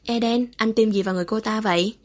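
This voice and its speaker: A woman's voice: on the high side, steady tone, fast talker, darkish tone, lightly acted. A woman voicing a cruel, curious young woman interrogator who coaxes in a falsely motherly way while staying cold underneath.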